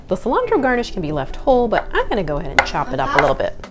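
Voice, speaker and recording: A woman's voice: medium pitch, wildly swooping pitch, rapid-fire, over loud music. A woman chef giving a casual cooking demonstration in her home kitchen, chatty and upbeat, explaining each step. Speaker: chef and recipe reviewer.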